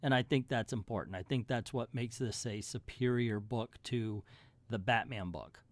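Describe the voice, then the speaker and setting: A man's voice: medium pitch, moderate pace, no echo. A middle-aged man hosting a comic book review channel, giving a casual ranked countdown in a folksy, colloquial way with emphatic asides.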